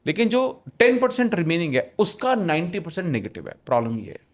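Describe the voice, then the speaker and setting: Emphatic man with a higher voice. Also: sing-song, brisk. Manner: emphatic, repeats phrases for stress, mixes in English. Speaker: podcast guest, manifestation author. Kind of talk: casual podcast conversation.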